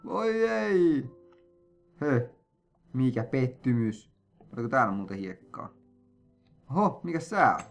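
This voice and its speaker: A man giving let's-play commentary on his own gameplay, excitable and jokey, breaking into sudden yelps and sing-song noises. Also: mid-range voice, pauses often, soft background music. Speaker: gamer playing a player-made map.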